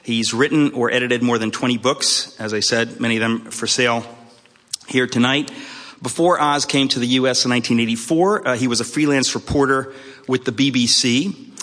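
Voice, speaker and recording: A man's voice: mid-range voice, a bit bright. Guy reading out a speaker's bio, lots of uhs, reverby hall. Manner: friendly, halting with fillers. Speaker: event host introducing the speaker. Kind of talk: speaker introduction.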